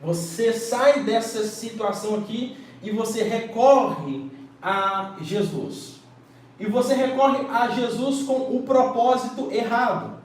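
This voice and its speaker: A man, a pastor teaching a Bible lesson in an emphatic preaching style, often checking in with his listeners and addressing them warmly as his children. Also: very high-pitched, animated, slow pace, echoey room, low-quality recording. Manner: emphatic, keeps checking in with "ok?", calls listener "filho".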